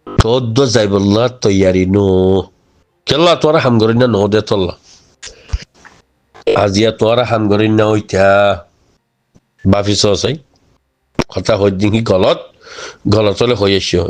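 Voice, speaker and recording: A man with a Rohingya accent close to Chittagonian speaks informally to his community, exhorting them and often checking with rhetorical questions that they follow. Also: fairly low pitch. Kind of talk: informal spoken address.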